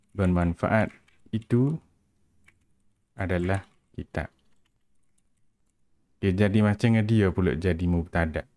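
A man's voice: sits low, darkish tone. A man with a Kelantanese Malay accent, teaching grammar in an informal, interactive tutoring style. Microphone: headset.

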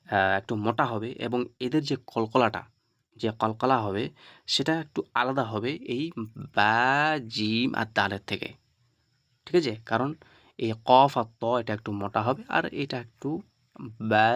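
Male tutor, mid-pitched voice, dry close mic, slow question-and-answer lesson delivery. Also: a bit bright, no room sound. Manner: asks the viewer questions, then answers them himself; slow and repetitive, spelling out the letters one by one. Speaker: Quran recitation teacher. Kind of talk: online tajweed lesson.

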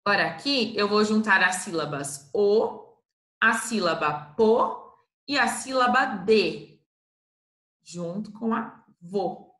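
A woman with a Brazilian Portuguese accent teaching a slow, patient literacy lesson to first graders, stretching out syllables. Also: medium pitch, lively intonation, a bit bright, roomy sound.

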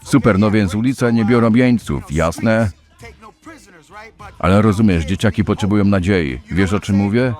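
A man reading in voice-over style as a pushy, preachy male street hustler, in an even low voice. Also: normal speed, faint music behind, lightly acted. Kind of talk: Polish voice-over reading of game scenes.

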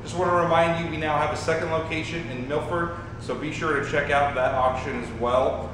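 A man's voice: on the high side, fairly even intonation, a little fast, noisy background. Upbeat man presenting auction items. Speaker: auction host. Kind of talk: auction preview walkthrough. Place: large warehouse showroom. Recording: echoey warehouse room, faint ambience.

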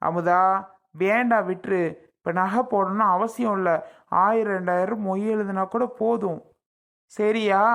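A woman's voice: mid-range voice, natural voice. A woman playing an irritated husband who scolds his wife and defends his mother in a family skit. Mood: firm. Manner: scolding, exasperated.

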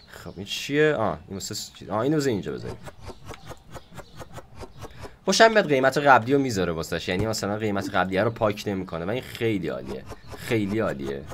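A hoarse man giving casual gameplay commentary as a gaming YouTuber host, playful and chatty with his viewers. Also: on the low side, slight background noise. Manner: playful, chatty, talks to viewers while playing.

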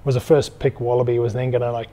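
Male interview guest from South Africa, thirties, dark relaxed tone, thoughtful and articulate conversational delivery. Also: medium pitch, fast. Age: 30s. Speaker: interview guest, former professional rugby player. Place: indoors in an empty bar. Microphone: clip-on lapel mic.

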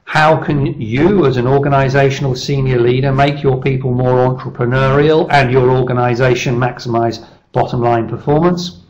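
Measured middle-aged man pitching a service. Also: muffled recording. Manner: measured, persuasive, steady pitch with restarts. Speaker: leadership speaker presenting his service. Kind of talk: business presentation over slides. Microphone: webcam video call.

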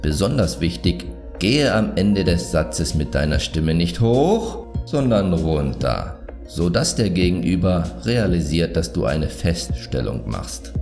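A man narrating a scripted self-improvement video, giving advice in a calm, measured, self-assured way. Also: sits low, faint music behind.

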